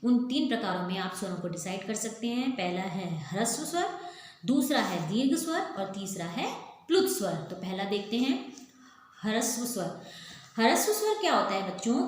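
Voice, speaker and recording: Brief: young woman grammar teacher, patient and repetitive, asks then answers her own questions, recorded in a very echoey room with faint hiss. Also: medium pitch. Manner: draws out vowel sounds as spoken examples. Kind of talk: recorded classroom lesson.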